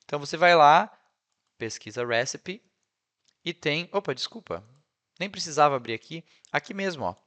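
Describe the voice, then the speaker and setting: A man's voice: a little high, animated, moderate pace, pauses often, fairly bright tone. A Brazilian man with a Brazilian Portuguese accent, an English teacher walking through translation tools in a casual screen-share tutorial, dropping frequent tag questions as he goes. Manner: chatty, peppered with "né?" and "ó".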